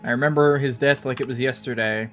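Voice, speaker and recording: A man's voice: medium pitch, fairly even intonation, fast, a bit bright, faint music behind. Rambling American guy streaming a game. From United States. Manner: rambling, self-mocking, swears casually. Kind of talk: casual gameplay commentary.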